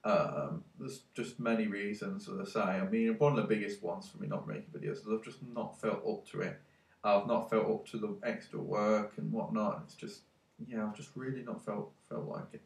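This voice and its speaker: A lowish, creaky voice with fairly even intonation and a normal pace belongs to a tech vlogger talking in his own echoey room, away from a distant mic. He has a cold and sounds congested, rambling casually with plenty of ums and restarts.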